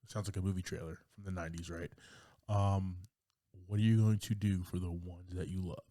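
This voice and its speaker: Laid-back lower-voiced podcast host. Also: male voice, a little fast, no room sound, studio quality. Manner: relaxed, says "man" and "brother" often. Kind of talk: casual movie-review chat.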